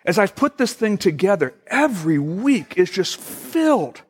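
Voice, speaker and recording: A middle-aged man, a pastor, preaching a sermon in a conversational, storytelling way with frequent pauses. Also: high-pitched, sing-song, husky.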